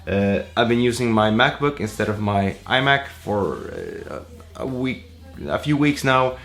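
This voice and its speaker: A man, a musician, answering viewer questions in a relaxed, rambling way full of fillers. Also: mid-range voice, unhurried. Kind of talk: casual Q&A vlog.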